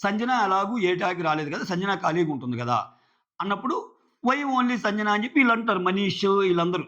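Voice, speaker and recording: A man with a Telugu accent reviewing a reality show in casual commentary, animated and opinionated, retelling the housemates' quarrels in quick asides. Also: high-pitched, muffled recording.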